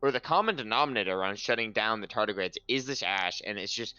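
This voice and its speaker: A man's voice: lowish voice, expressive, quick pace, sharp tone, smooth, dry recording, lo-fi sound. A man casting a live esports match, talking fluently and building energy as he calls the picks. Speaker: esports caster.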